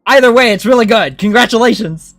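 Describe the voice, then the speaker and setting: There's no room sound, just faint music, as this livestreamer talks briskly at a medium pitch. They chat informally while gaming, reasoning aloud and reacting energetically to viewers' comments.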